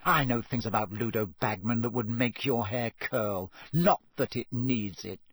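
A man's voice: medium pitch, a little slow, fairly bright tone, slightly rough, dry recording. Rita Skeeter is a man playing a scheming, gossipy woman reporter, gloating and condescending. Her voice swings between sugary and cold. It is a dry, close audiobook read.

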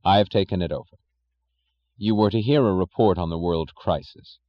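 A man doing a calm, implacable radio speaker. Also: deep voice, lo-fi sound, close to an everyday voice. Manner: measured, slow, commanding.

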